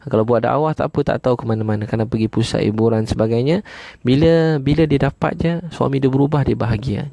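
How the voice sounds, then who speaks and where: Gravelly Malaysian Malay preacher, dry sound. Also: male voice, mid-range voice, mellow, dry recording. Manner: repeats each point, many "ha" fillers; chants Arabic prayers slowly. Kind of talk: sermon.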